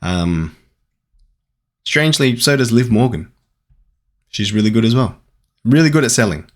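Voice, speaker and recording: An Australian man chatting casually while opening trading card packs, rambling and getting excited at good pulls. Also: mid-range voice, a little slow. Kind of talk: casual unboxing commentary.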